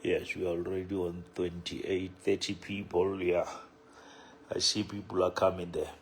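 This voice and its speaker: A man with a Sotho accent casually greeting livestream viewers as a church leader, unhurried and often repeating his phrases. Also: sits low, flat delivery, a little hiss or hum. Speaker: bishop, live stream host.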